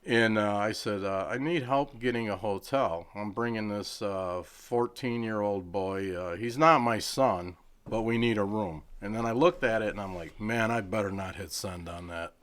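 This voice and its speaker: A middle-aged man, a charity head, telling a story in casual chat and acting out the people he quotes with lively swings in pitch. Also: normal speed, hardly any pauses. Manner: animated, acts out quoted people with raised pitch.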